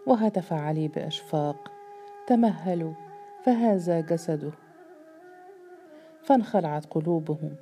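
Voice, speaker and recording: A woman reading a novel aloud as narrator in a measured, dramatic style. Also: sits low, warm tone. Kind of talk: scripted audiobook narration.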